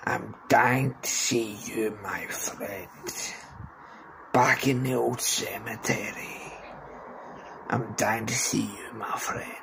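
A man in his thirties giving a hammy, theatrical dramatic reading of lyrics in a gravelly voice with breathy half-whispered endings, recorded on a phone held close. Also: lowish voice, fairly even intonation. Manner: hammy stage-actor delivery, with drawn-out pauses and breathy half-whispered line endings. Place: small indoor room. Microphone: phone held close to the face. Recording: noisy handheld phone recording.

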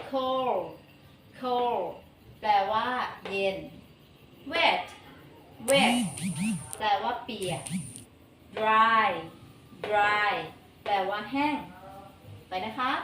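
A woman teacher with a Thai accent slowly reading English words twice each and translating them for young pupils. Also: on the high side, a bit bright, echoey room, recorded from a distance, slight background noise, poor audio. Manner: slow, repeats each word twice then translates. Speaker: primary school English teacher. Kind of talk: vocabulary lesson for young children.

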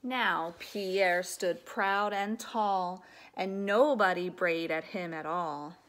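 A lowish-voiced woman in her thirties reads a children's picture book out loud at home in her living room. Her teacherly delivery is expressive and deliberate, with asides that explain things along the way.

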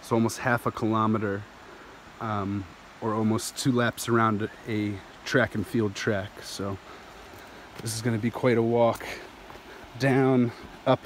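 A man's voice: fairly low pitch, a little hiss or hum. Rambling man vlogging on a jungle trail. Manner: enthusiastic, rambling, laughs often. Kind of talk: walking vlog narration. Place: outdoors on a steep jungle trail. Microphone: phone camera held at arm's length.

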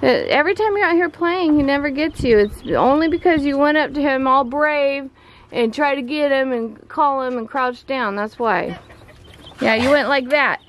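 Outdoors in her farm yard, a woman vlogs about her homestead, chatting to the camera and patiently coaching her child. Her voice sits high and her pace is moderate.

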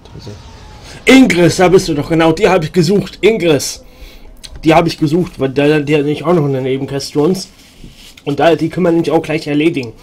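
A man's voice: on the high side, brisk, a little mellow, a little hiss or hum. A man streams a text-heavy role-playing game, chatting loosely to viewers and stumbling through restarts and fillers. His voice sits slightly above an average man's. He reads on-screen text in between. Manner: rambling, many fillers and restarts. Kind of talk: let's play commentary, reading game text aloud.

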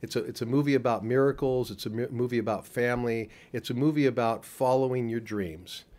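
A man's voice: mid-range voice, brisk, a little mellow. An older man, a film producer, answering interview questions at a convention with many fillers and restarts, into a handheld mic. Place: convention room before a poster wall. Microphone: handheld mic held by the interviewer.

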